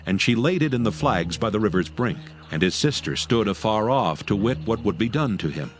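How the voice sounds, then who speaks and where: A man with a lowish voice reads scripture in a measured, solemn, yet animated manner. His intonation rises and falls expressively, with faint music playing in the background.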